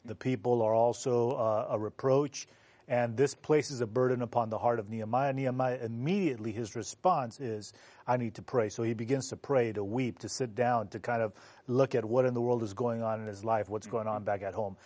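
A man's voice: mid-range voice, fairly even intonation, brisk, a little mellow, no room sound. A man explains the background of a Bible passage in an earnest, storytelling way. His voice sits mid-range and the sound is close and dry. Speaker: Bible study panelist.

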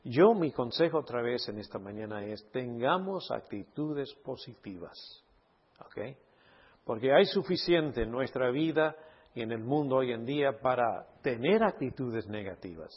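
A man's voice: medium pitch, lively intonation, measured pace, breathy edge, muffled recording. A man speaking as a pastor in a Bible study sermon, emphatic, posing rhetorical questions and checking in with his listeners.

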